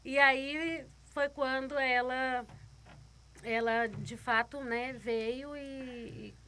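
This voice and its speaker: Guest woman, testimony storyteller: bright, sharp tone, a touch high, vivid and repetitive retelling. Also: steady tone, drawn-out words, slight background noise. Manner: vivid retelling, repeating words, voicing others' lines. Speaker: guest giving a faith testimony.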